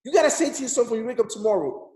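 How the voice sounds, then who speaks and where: Talking very fast in a very high, animated voice with a darkish tone, a thirty-something motivational speaker addresses a group call. Like a preacher, he pushes his listeners with emphatic, repetitive urging, and the audio echoes.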